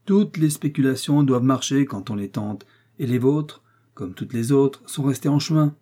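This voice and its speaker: Guy voicing a gruff old normandy mayor, blunt, husky low-key voice. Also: expressive, normal speed, dark tone, close to an everyday voice. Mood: stern. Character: shrewd older Normandy village mayor, blunt.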